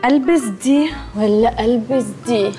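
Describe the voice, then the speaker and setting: A woman's voice: fairly high pitch, a little slow, dark tone, faint music behind, lightly acted. A woman playing a snobbish rich young Egyptian woman. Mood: haughty. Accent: Egyptian Arabic. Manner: haughty, dismissive, drops English words. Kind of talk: TV sitcom acting.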